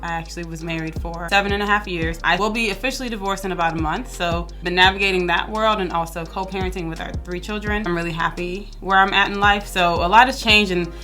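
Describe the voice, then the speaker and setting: A woman in her thirties talks quickly and candidly to camera, her voice bright and forward, with a fairly low pitch for a woman. She keeps an upbeat, chatty vlog tone. Faint music plays behind her. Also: fairly even intonation. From southern United States. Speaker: vlogger and business owner. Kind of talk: casual vlog talk to camera. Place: her office.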